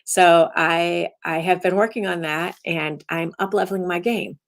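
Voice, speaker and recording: A woman's voice: lowish voice, fairly even intonation, a little slow, vocal fry. A woman instructor giving her daily message as rambling casual talk, often restarting her sentences. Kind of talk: casual self-recorded talk.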